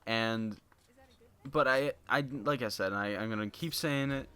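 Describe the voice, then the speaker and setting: At normal speed, with a smooth, lowish voice, a young man gives casual unscripted commentary to his viewers as a gaming YouTuber. He sounds flat and monotone, rambling with many fillers and "you know"s into a cheap home microphone.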